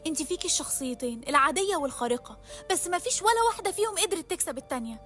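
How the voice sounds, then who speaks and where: A woman with an Egyptian accent voicing a caring mother who calmly explains things to her daughter. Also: high-pitched, racing, soft background music, voice pushed down. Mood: soothing. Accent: Egyptian Arabic.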